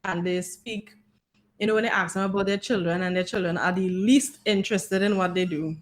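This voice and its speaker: A woman's voice: medium pitch, fairly even intonation, a little fast. Chatty woman hosting a podcast. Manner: chatty, encouraging, lots of affirming "mm-hmm". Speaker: podcast host. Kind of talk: casual interview chat over video call. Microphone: video call.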